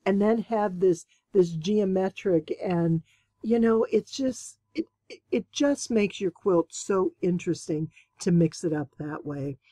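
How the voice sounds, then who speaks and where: A woman's voice: on the low side, lively intonation, a little slow, mellow, no echo. A woman hosting her quilting channel, chatting enthusiastically and exclaiming with delight as she unboxes and shows fabrics. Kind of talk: casual unboxing chat.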